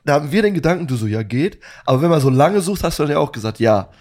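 Fast-talking man, slangy and animated. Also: fairly high pitch. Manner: slangy, animated storytelling with laughs. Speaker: podcast host. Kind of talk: casual chat.

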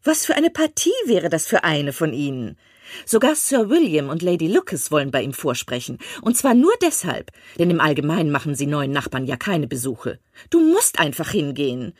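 Woman reading a shrill fussy mother, breathless and pushy, high and swooping, husky edge, dry close audiobook sound. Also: sing-song, normal speed, no echo. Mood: excited, insistent. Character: fussy excitable middle-aged mother, matchmaking.

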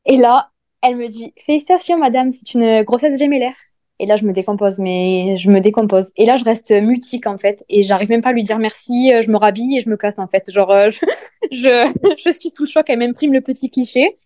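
A woman in her thirties telling her own pregnancy story in casual podcast chat, talking with many fillers and lively retelling. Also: fairly high pitch, brisk, no echo.

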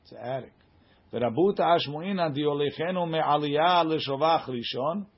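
The audio is lo-fi and muffled. A man leads a casual Talmud session, reading aloud and explaining with emphasis as he asks and answers questions, his somewhat high voice breathy at the edges and his pace moderate.

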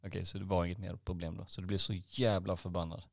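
A man's voice: deep voice, little pitch movement, creaky, no echo, clean studio sound. A man in his forties, a podcast co-host, telling rambling IT work anecdotes with lots of fillers and swearing.

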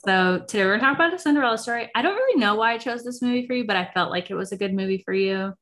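A woman's voice: fairly high pitch, expressive, rapid-fire, fairly bright tone. A woman in her thirties hosting a casual pop culture podcast, chatting in a conversational way. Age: 30s. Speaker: podcast host.

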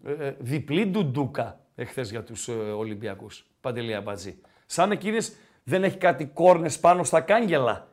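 A man hosting a podcast, talking sport in a casual, joking, animated way. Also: medium pitch. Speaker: podcast host.

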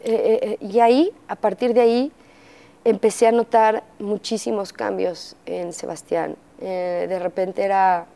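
A Mexican woman speaks openly as an interview guest, recounting her life in a candid, conversational way. Her voice is mellow and warm, and she slips in fillers while she acts out what others said. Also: mid-range voice, steady tone, a little slow, creaky. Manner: candid storytelling, acting out quoted dialogue, frequent fillers. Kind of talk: personal testimony in conversation.

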